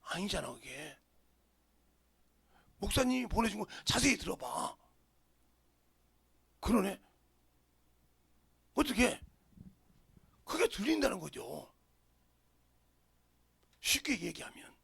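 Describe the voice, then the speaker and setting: A male pastor from the region, preaching a sermon in an animated way and dropping into whispers for emphasis. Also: sits high, slow, gravelly, pauses often, husky. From Jeolla, Korea.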